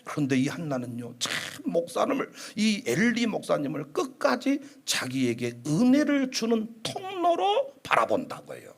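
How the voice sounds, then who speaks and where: A pastor delivers a fervent sermon, voice very high and gravelly, with a husky edge. His pitch swings widely as he shouts out points and then drops low. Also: wildly swooping pitch, normal speed, few pauses. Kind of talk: lively sermon.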